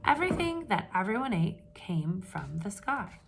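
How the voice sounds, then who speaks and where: A woman reading a picture book aloud to children with lively expression, pausing to ask her listeners questions in hushed asides. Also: medium pitch, creaky, slight background noise. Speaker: read-aloud storyteller for children.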